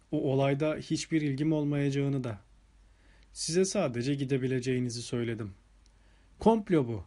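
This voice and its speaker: A hot-tempered, burly Italian chauffeur, voiced by a man reading aloud protests and raises his voice. The tone sits a little high but stays warm and mellow. He talks in excited bursts. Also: lightly acted. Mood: indignant.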